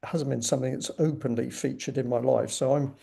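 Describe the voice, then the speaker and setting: A middle-aged man hosting an interview, speaking in a courteous, measured and slightly formal way. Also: mid-range voice, steady tone, gravelly, dark tone, breathy edge. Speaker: interview host. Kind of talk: conversational interview.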